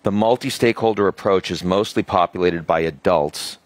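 A man speaking on a panel discussion, passionate and emphatic, pushing his pitch up to stress his points. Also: normal speed. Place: conference venue.

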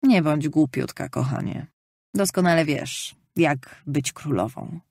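A woman voicing a loving, gentle mother who tenderly reassures her daughter, in an audiobook reading. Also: low voice, unhurried, dry recording, clean studio sound. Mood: soothing.

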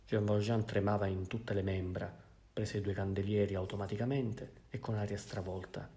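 Measured Italian male audiobook narrator. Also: on the low side, flat delivery, warm tone. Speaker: audiobook reader.

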